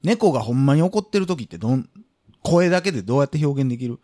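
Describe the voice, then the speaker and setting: A man's voice: medium pitch, animated, fast, dark tone. A man with a Kansai accent co-hosting a podcast, teasing his partner in casual comedic banter. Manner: teasing, playful, mock-announcing. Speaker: podcast co-host.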